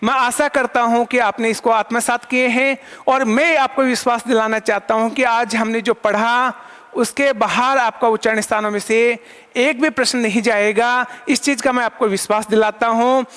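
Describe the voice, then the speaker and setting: A man's voice: extremely high pitch, steady tone, moderate pace, a bit bright, clean tone. A man teaching an online lesson, asking questions and answering them himself and counting items aloud. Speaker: Sanskrit teacher. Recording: long hall reverb.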